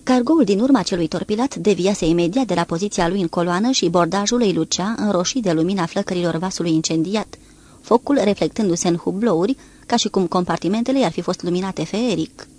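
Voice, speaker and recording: A woman narrating an audiobook in a steady, even-paced reading voice, lifting her voice a little for shouted dialogue. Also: fairly low pitch.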